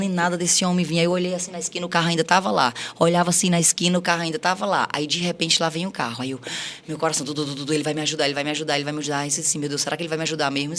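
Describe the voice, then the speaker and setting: A woman's voice: fairly low pitch, fairly bright tone. A woman on a podcast recounting her life story, acting out quoted dialogue with many repeats.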